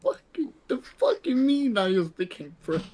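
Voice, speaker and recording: A woman playing a tabletop game, chatting casually in a profane, halting, exasperated way. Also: sits high, huge pitch swings, warm tone, slight background noise.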